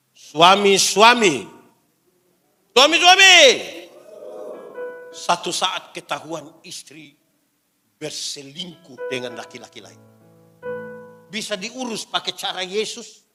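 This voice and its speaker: A man preaching as a pastor, throwing loud questions at the congregation and dropping to quiet asides. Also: a little high, sing-song, measured pace. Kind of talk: sermon. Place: church hall. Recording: live sermon in a large reverberant church hall with faint music.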